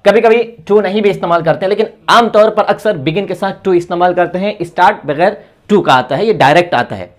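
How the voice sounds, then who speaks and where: A man from India teaching English grammar, slowly reading out English example sentences and translating each one, then giving encouraging advice. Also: high-pitched. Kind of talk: spoken grammar lesson.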